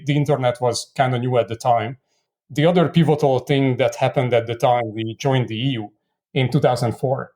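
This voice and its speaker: A man in his thirties from Hungary, a native Hungarian speaker, telling his career story as an interview guest in a measured, reflective way with many fillers. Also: medium pitch, warm tone. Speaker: startup co-founder guest. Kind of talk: conversational interview.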